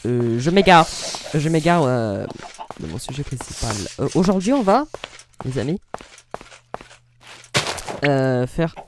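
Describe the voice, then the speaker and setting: A man's voice: medium pitch, very animated, slow pace, long pauses, noisy background. A man hosting a casual let's-play, rambling in self-interrupting, jokey asides as he comments on his game. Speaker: gaming channel host.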